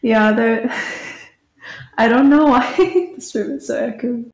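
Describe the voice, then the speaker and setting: A woman's voice: on the high side, slow pace. A woman chatting casually on a desktop mic from an empty room, her voice echoing as if through a tunnel. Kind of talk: casual chat before a tabletop game.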